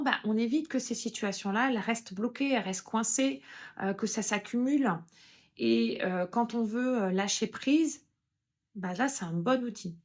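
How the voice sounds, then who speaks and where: Calm woman guiding an EFT tapping round. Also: a little high. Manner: calm explanatory, with hesitations. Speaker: EFT practitioner. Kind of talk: guided self-help demonstration.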